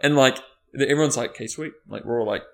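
A man talking casually. He rambles through a story and leans on filler words, and his voice sits at an ordinary middle pitch. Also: fast talker, vocal fry. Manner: rambling storyteller, many "like" fillers, acts out quotes loudly. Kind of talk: casual chat.

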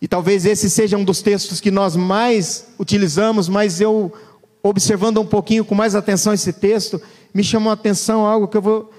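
High-voiced preacher in a reverberant church. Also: male voice, steady tone, normal speed. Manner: dramatic, swings between loud and hushed low voice. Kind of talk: sermon with scripture reading.

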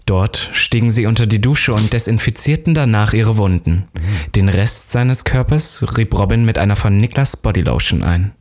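A man's voice: fairly low pitch, moderate pace, a little mellow. A man reading a story aloud, with amused, joking comments in between.

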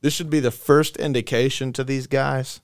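A man co-hosting a podcast, retelling scripture with casual slang and quick paraphrases of what the characters say. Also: medium pitch, little pitch movement, clean tone, no room sound, clean studio sound. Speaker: podcast co-host. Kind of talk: casual Bible study discussion.

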